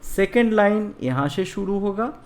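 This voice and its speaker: A language teacher from India leads a beginner lesson at an unhurried, deliberate pace. The pitch rises and falls in a lively, animated way while they explain step by step and count out the writing strokes aloud.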